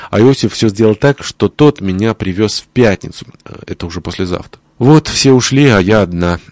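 A man reading a diary aloud in the first person, measured and expressive, on a close studio mic. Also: on the low side, no room sound. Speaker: audiobook reader. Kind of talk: scripted narration of a diary.

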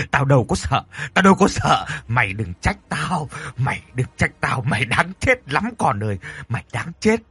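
A frantic old father, wailing and pleading in a high, swinging voice that breaks into wild laughter, as a man puts him on. The tone is bright and husky, close and dry, like a spoken horror story. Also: lively intonation, measured pace, heavily acted. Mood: crazed. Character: old man gone mad with guilt, crazed.

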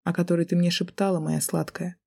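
A woman narrator voicing a mocking, menacing young male student in an audiobook, speaking low and soft in a taunting way. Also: fairly even intonation, fairly quick, breathy edge. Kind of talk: audiobook character voice.

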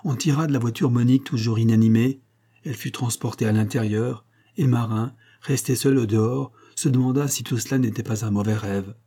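A man narrating a novel in a measured, dramatic reading. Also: mid-range voice, fairly even intonation, warm tone. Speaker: audiobook narrator. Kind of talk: scripted narration.

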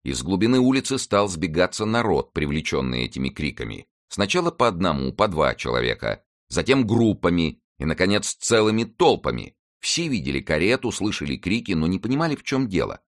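Deep-voiced male audiobook narrator. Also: brisk, hardly any pauses. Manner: lively, expressive reading. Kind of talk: scripted narration of a classic novel.

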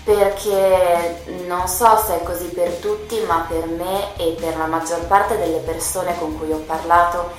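A woman's voice: on the low side, steady tone, a little slow, hardly any pauses. A woman radio host reading a Christmas tale aloud, narrating it expressively and dramatically as a storyteller. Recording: very echoey room with faint music.

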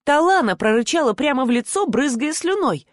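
Female audiobook reader, first-person novel, even delivery, dry close mic. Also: medium pitch, a little fast, dry recording. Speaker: audiobook narrator.

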